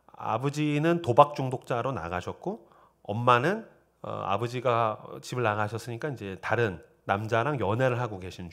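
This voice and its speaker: A middle-aged man preaching at a church teachers' seminar, telling personal stories and acting out quoted dialogue with lively swings between loud, excited passages and low murmurs. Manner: animated, quotes himself and students in lively dialogue. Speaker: pastor. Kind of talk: sermon storytelling at a teachers' seminar. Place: church sanctuary.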